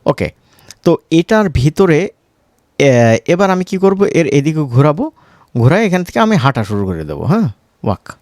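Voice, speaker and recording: Pitched fairly high with big swings, this male instructor moves at a moderate pace and leaves long pauses, his tone on the dark side. He has a Bangladeshi Bengali accent and gives an informal, conversational software tutorial over a screen recording, often adding short question tags. The recording is dry and studio-quality.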